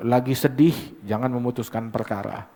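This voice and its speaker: A man preaching, animated and teasing, mimicking hurried recitation and firing rhetorical questions. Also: medium pitch. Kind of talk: sermon. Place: mosque gathering. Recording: long hall reverb.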